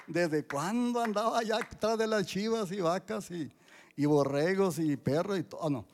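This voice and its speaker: An older man in his sixties speaks with a gravelly, creaky edge. His pitch sits somewhat high for a man, and he gives a church testimony haltingly, with frequent restarts and fillers. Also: a little hiss or hum. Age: 60s. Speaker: church member giving testimony.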